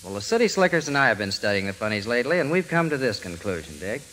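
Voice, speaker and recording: A man hosting a 1940s radio comedy show, introducing acts in a brisk announcer style. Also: medium pitch, big pitch swings, poor audio. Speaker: bandleader and show host. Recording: old radio broadcast with a loud live audience and heavy noise.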